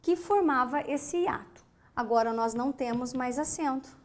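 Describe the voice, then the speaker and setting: A woman from Brazil teaching an online grammar lesson, speaking emphatically, asking questions and answering them herself, and spelling words out syllable by syllable. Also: high-pitched. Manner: slow, emphatic, asks and answers her own questions.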